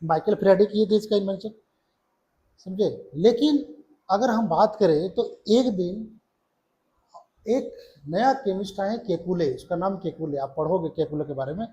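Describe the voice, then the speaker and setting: Male chemistry tutor, middle-aged, high voice, drills terms by asking them back, counts aloud while drawing. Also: a little slow, dark tone, rough recording. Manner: repeats key terms as questions to students. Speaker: chemistry teacher. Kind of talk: classroom lecture.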